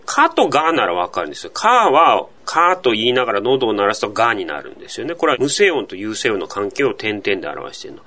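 A man's voice: mid-range voice, a bit bright. A man hosting a language podcast, explaining pronunciation patiently and asking rhetorical questions. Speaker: podcast host teaching Korean.

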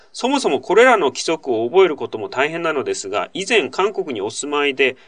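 A male host in relaxed conversation, with a voice that rises and falls freely. He explains at length in a chatty style, dropping in asides and tag questions, and sounds like a regular presenter answering mail. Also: a little high. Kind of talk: casual radio-style talk answering a listener letter.

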